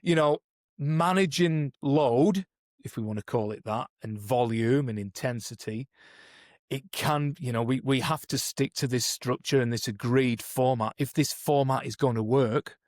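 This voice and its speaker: Here a podcast co-host and performance coach, a first-language English speaker, explains coaching methods in a thoughtful, conversational style full of restarted sentences and "you know"s. His voice sits at medium pitch with a darkish tone and a measured pace, and the studio recording is clean and dry.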